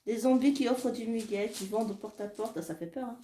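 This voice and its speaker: Woman, from France, soft-spoken, hesitant, mellow tone, echoey room. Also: a little high, fairly even intonation, a little fast. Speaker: illustrator doing card and dice draws. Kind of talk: casual solo video, thinking aloud.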